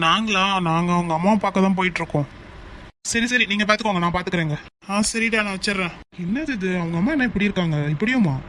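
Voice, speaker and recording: A man voicing young male friends in an animated cartoon, chatting casually on the phone. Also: sits high, slight background noise. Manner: casual buddy banter.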